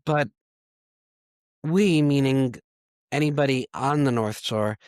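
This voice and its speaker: A man, hoarse and congested from a cold, talking candidly and self-deprecatingly as a podcast host. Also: medium pitch, slow pace, darkish tone, no echo, studio quality. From Long Island, New York. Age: 30s. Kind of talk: personal confessional monologue.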